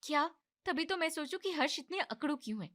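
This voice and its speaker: A woman's voice: expressive, a bit bright. A woman voicing an irritable young daughter-in-law in a cartoon family drama, complaining and pushing back. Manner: high, complaining and quick.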